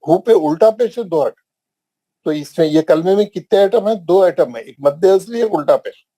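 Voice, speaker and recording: A man with a Hyderabadi accent leads an online recitation lesson, drawing out and repeating each drill word with great patience. His voice sits a little high for a man yet sounds mellow and dark. The recording is dry and close, with no room echo. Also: expressive. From India. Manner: slow and drawn out, repeating drill words for students. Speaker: Quran recitation teacher.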